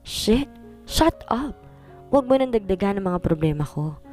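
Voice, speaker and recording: A woman's voice: lowish voice, lively intonation, a little fast, dark tone, soft background music, close to an everyday voice. A woman voicing a tired, cold young husband who answers curtly and snaps when pushed, in a storybook reading. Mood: angry. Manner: curt, tired, snapping. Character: weary cold husband, young adult man.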